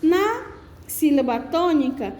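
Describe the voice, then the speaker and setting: A Brazilian Portuguese-speaking woman teaching a lesson, explaining slowly with many fillers and restarts. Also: sits high, sing-song, a little mellow. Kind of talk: lesson on a reading exercise. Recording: echoey room with faint ambient noise.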